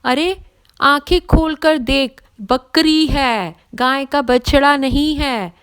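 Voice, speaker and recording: A woman voicing an irritable, easily confused male village priest in an audio story, scolding and shouting in disbelief. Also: mid-range voice, a little slow, lightly acted. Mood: indignant.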